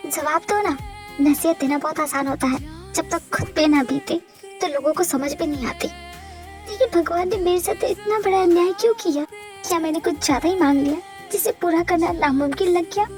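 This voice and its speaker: A woman's voice: extremely high pitch, darkish tone. A woman voicing a heartbroken young wife who pleads tearfully and emotionally in a fan-dubbed romantic audio drama.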